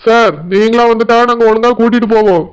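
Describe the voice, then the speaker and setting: A man's voice: very high-pitched, level tone, quick pace, clear, resonant tone. A man voicing a stern village policeman who speaks firmly and threatens arrest. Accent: Tirunelveli Tamil. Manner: firm, threatening.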